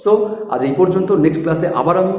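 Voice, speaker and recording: A man with a fairly high voice leads a pronunciation lesson. He says each word slowly several times and asks the students to repeat after him. His voice echoes around a reverberant room. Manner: drills words slowly and repeats them, asking students to say them with him. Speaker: English teacher.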